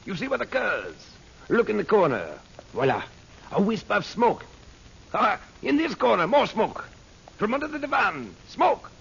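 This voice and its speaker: An actor playing a cool, resolute magician hero in a vintage radio serial, theatrical and self-possessed. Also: male voice, high-pitched, big pitch swings, a little slow, vocal fry, a bit bright, slightly rough, full character voice. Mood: sly, taunting. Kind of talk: 1940s radio serial acting. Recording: hissy, muffled old radio recording.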